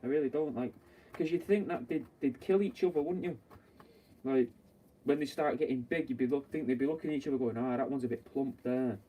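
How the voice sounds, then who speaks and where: A man's voice: on the high side, brisk, warm tone, husky. A young man, a taxidermist chatting bluntly and rambling while he works, swearing often. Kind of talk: casual chat while working. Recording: distant mic with faint background noise.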